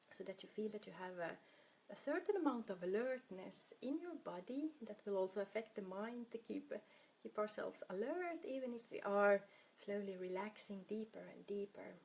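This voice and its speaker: With a mid-range voice, a woman takes listeners through a guided meditation, calm and unrushed. She sounds soft and breathy, her words often drifting down toward a whisper.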